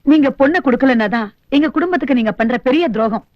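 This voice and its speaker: An actress playing a middle-aged wealthy widowed mother in a film, soft and earnest. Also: high-pitched, expressive, fast talker, no room sound. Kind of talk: film dialogue. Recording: dull lo-fi film soundtrack with faint music.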